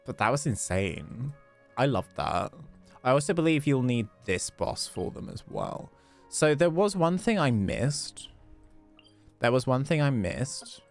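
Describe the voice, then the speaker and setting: With game music behind him, a livestreamer offers casual live commentary as he plays, musing aloud while figuring things out. His medium-pitched voice is sing-song, a bit slow and creaky.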